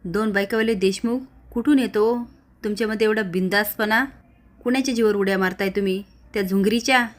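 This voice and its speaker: A woman's voice: medium pitch, steady tone, fairly quick, close to an everyday voice. A woman voicing a stern village police officer. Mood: stern, threatening. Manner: threatening, lecturing.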